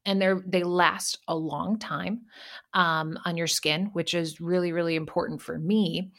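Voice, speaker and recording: A woman's voice: on the low side, fairly even intonation, measured pace, a bit bright. A woman podcast guest in casual chat, frank and playful as she runs through favorite products.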